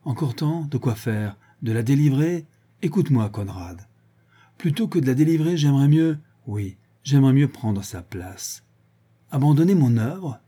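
A man's voice: mid-range voice, normal speed, breathy edge, lightly acted. A man voicing a brutal, drunken, grandiose male villain who rants and hurls insults, in an audiobook reading. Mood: exalted. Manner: ranting, exalted, shouting insults.

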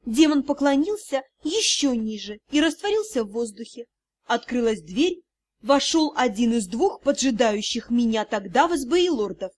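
Expressive woman audiobook narrator. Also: a little high, moderate pace. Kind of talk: scripted first-person narration.

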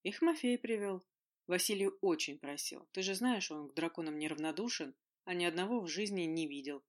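A reader playing a chatty, easygoing young man in a spoken fantasy story. He explains at length in a relaxed, talkative way. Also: high-pitched, fairly quick.

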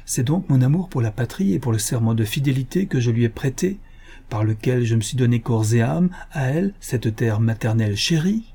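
Brief: man doing a defiant young hero, big declamatory delivery, husky tone. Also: medium pitch, animated, a little fast, dark tone. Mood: impassioned. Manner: impassioned, ringing declamation. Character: proud young male frontier hero, fiercely patriotic. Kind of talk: audiobook character voice.

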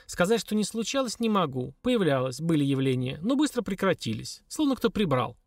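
A man's voice: high-pitched, very animated, fairly quick, no room sound, clean studio sound, voice pushed up. A man voicing a tipsy, pleading older hostess who fusses over her guests. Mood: musing. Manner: imploring, fussy.

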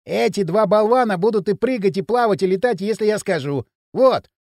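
A man's voice: high voice, expressive, a little fast, darkish tone, dry recording, clean studio sound. A man voicing a brash, cocky young man who jeers and bosses his friend in loose street talk. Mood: swaggering.

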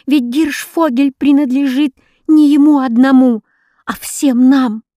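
A woman's voice: on the high side, animated, slow pace, darkish tone, dry recording, clean studio sound, pitched above the performer's own voice. A woman voicing an anguished, defiant young boy in an audiobook, speaking in bitter, pleading outbursts.

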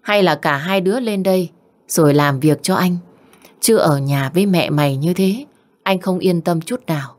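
A woman's voice: on the low side, normal speed, a little mellow, close to an everyday voice. A woman voicing a firm elder brother. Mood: earnest.

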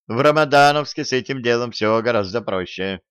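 A man narrating a storybook in a measured, even way. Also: medium pitch, smooth, dry recording. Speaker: audiobook narrator.

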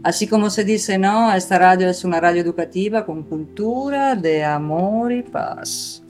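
A woman's voice: mid-range voice, normal speed, a little mellow, soft background music. A woman hosting a community radio conversation, talking in a reflective way and asking musing questions. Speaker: radio host.

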